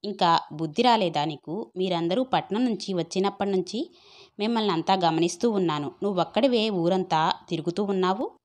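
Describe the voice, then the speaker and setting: A woman's voice: medium pitch, a little fast, close to an everyday voice. A woman voicing a stern older male village holy man who scolds and gives commands in a story read aloud. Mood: angry commanding.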